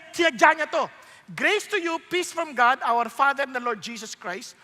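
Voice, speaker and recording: A Filipino-accented man preaches in a bright, sharp voice that rises high and leaps around in pitch. He is animated and jokey, and he slips English lines into the sermon. The sound rings with the long reverb of a church hall. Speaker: pastor. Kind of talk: conversational sermon.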